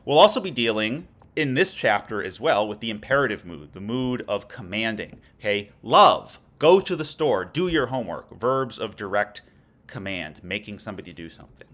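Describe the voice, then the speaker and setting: Male instructor, lowish voice, patient lecture delivery with frequent check-ins. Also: expressive, brisk, a bit bright. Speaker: Latin teacher. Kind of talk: recorded lecture.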